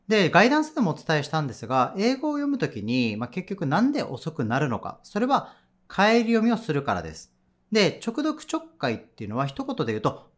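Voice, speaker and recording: A man teaching an audio lesson as an English teacher at a cram school, explaining in a chatty, patient way. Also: mid-range voice.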